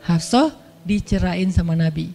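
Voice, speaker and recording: Man, Islamic preacher, casual storytelling sermon, very high voice, slangy and playful. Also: moderate pace, creaky, mellow, in a large hall, soft background music. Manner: chatty, playful, uses slang and asides.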